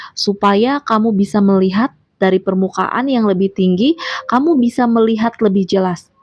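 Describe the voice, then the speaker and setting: A woman's voice: medium pitch, darkish tone, no room sound, lo-fi sound. A woman, giving a motivational monologue and coaching the listener with direct questions. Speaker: motivational speaker.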